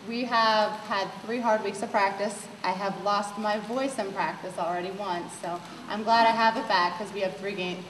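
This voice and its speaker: A woman basketball coach giving an upbeat address to fans, speaking directly to the crowd. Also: mid-range voice. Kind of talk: address to fans at a team event. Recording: echoey hall from far off, faint hiss.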